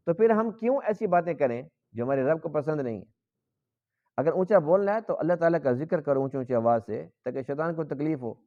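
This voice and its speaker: A man's voice: fairly high pitch, a little mellow. Earnest male Quran teacher, dull recording. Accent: Pakistani Urdu. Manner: earnest, explaining with rhetorical questions. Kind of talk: sermon. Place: mosque.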